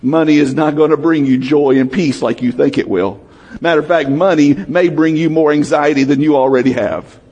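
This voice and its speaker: Pastor, male, husky and fairly high voice, unhurried delivery, lively congregational preaching. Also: highs cut off. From United States. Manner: lively preaching, calls out to the congregation, rises to shouts and drops low. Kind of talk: sermon.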